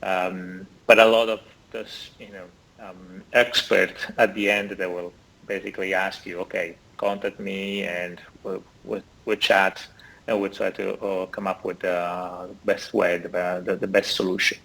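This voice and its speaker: Joining an interview by video call from an indoor room, a man in his forties from Italy talks with an Italian accent, full of fillers, restarts and hesitation. He has a deep, level, creaky voice with a fairly bright tone, speaking a little slowly. The laptop or phone camera mic gives a low-quality recording.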